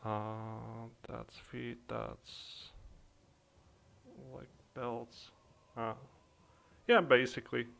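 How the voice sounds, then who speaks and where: A man's voice: mid-range voice, level tone, very slow, vocal fry, fairly bright tone. A young man from the Czech Republic with a Czech accent, chatting hesitantly on a livestream and thinking aloud with many fillers. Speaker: streamer. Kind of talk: casual livestream chat. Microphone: desk microphone being adjusted in streaming software.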